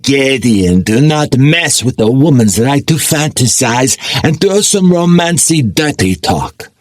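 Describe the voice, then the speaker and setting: A man's voice: mid-range voice, animated, measured pace, no room sound, studio quality, voice pushed up, lightly acted. A male narrator voicing a flirty, teasing woman who is a huge spectral werecat, speaking lines from an audiobook. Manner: teasing, flirty, mock-scolding. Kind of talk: audiobook character voice.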